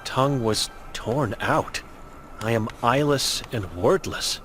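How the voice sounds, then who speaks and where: A man's voice: mid-range voice, slow pace, a bit bright, soft background music. A man voicing an old blind mute woman in a game, grim and guilt-ridden, speaking in terse, broken phrases.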